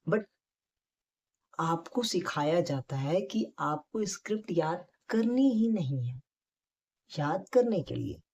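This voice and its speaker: A man explains acting techniques in a relaxed tutorial, speaking straight to his viewers. His tone is mellow and warm, never sharp. He talks in a direct, encouraging way and leans hard on his key points. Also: fairly high pitch, lo-fi sound. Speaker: acting teacher. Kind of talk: casual spoken tutorial.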